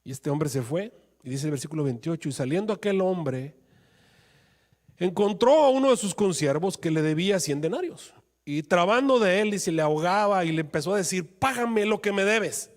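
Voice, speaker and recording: A man's voice: sits high, expressive, moderate pace. A male pastor preaching a sermon with passion, his voice rising into emphatic pleas.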